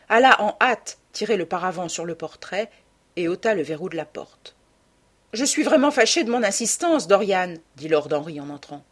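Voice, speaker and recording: A woman narrating a classic novel as an audiobook, in a measured literary reading with a husky voice. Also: fairly low pitch. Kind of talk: scripted narration.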